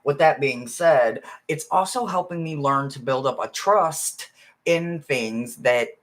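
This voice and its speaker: A man, a spiritual card reader, talking casually to his viewers in a rambling way, often adding "right?" and swinging from soft murmurs to loud bursts. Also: a little high, slow. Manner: rambling, keeps asking "right?". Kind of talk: casual spiritual livestream talk.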